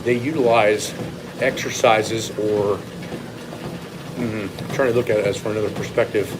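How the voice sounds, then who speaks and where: A strength coach and former competitive lifter delivers a casual, off-the-cuff training monologue, blunt and opinionated with occasional swearing. His voice is fairly low and steady at a normal speed, with background noise behind him.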